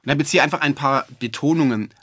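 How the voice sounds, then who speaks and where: A man giving a relaxed, chatty music-software tutorial, with fillers and self-corrections. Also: a little high, fast. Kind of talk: screen-recorded software tutorial.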